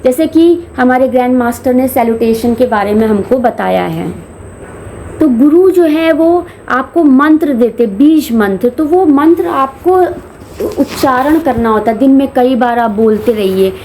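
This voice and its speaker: A woman spiritual teacher explaining meditation and chanting to a camera, mixing Hindi with English phrases and slowing down on key terms. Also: sits high, animated, dark tone, a little hiss or hum. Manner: chants demonstrations mid-explanation.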